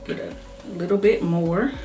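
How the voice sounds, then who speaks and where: A woman chatting casually as she reviews a hair product, talking fast and thinking aloud while she styles her hair. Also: lowish voice. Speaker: hair care YouTuber. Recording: echoey room with faint music.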